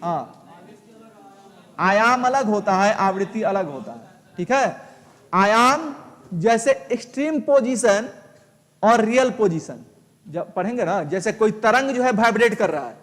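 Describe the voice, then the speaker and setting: Male teacher, very high voice, patient step-by-step explainer, reverberant room. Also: expressive, unhurried, long pauses, fairly bright tone. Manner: explains step by step with repeated check questions. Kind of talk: live online lesson.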